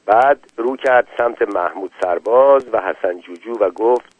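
A man with a lowish voice narrates an audiobook story, reading the narration plainly and giving the characters' lines brief voiced turns. The recording is dry with no echo and has a tinny, phone-like radio quality.

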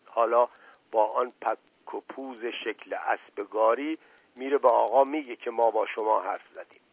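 A man reading aloud voices an anxious, folksy male household servant who talks with hushed worry. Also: mid-range voice, slightly rough, no room sound, phone-quality sound. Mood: hushed, urgent. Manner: folksy, worried, speaks in hushed urgency.

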